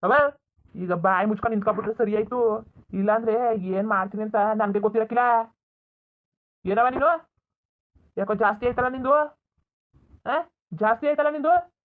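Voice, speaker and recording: A furious young village man, voiced by a voice actor in a cartoon, scolding his family with bitter, shouted words. The audio is thin and tinny, like a phone line. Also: medium pitch, natural voice. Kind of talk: Kannada village cartoon dub.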